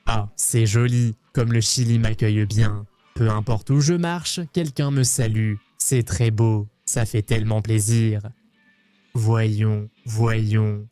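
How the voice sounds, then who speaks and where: Male travel vlog host, playful and jokey, warm voice, dry close sound. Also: lowish voice, steady tone, takes it slowly, clear, resonant tone, no echo, soft background music. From Argentina.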